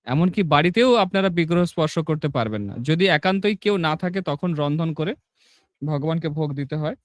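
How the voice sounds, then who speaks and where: A man's voice: fairly high pitch, animated, normal speed, dry recording, studio quality. A man teaching a devotional class, explaining rules and then reciting a long list of sacred names, often checking that listeners understand. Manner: instructive, asks "understood?" often. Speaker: religious teacher.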